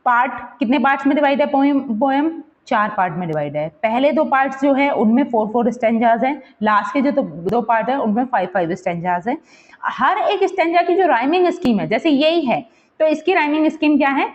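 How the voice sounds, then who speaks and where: A woman's voice: sits high, lively intonation, a little fast, dull audio. A woman teacher explaining a poem for exam preparation, mixing English terms into her talk and checking in often with her students. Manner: counts and repeats words aloud while pointing to the text. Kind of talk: exam-prep literature lesson.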